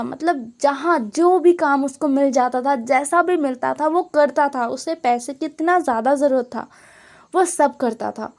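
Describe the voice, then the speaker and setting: A woman's voice: high-pitched, a little mellow. A woman narrating a fan fiction story in a casual, conversational way with emphatic asides.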